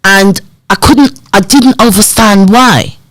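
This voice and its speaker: This podcast guest, a woman in her fifties who does community development work, narrates her life story slowly in a medium-pitched voice. She animatedly performs the conversations she recalls, heard through a dry, poor-quality recording.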